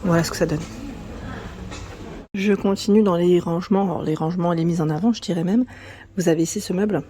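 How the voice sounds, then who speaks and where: A woman's voice: fairly low pitch, fairly even intonation, fast, mellow, husky. Chatty woman touring a furniture store. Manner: chatty, reads out prices and sizes, many tag-on fillers. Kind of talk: casual walkthrough chat. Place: inside a large furniture store.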